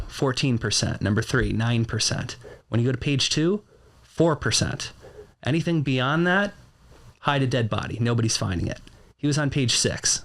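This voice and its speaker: A man speaks as a guest on a studio podcast, with a voice of ordinary pitch. He tells his stories in a plain, matter-of-fact way. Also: fairly bright tone. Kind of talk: casual interview.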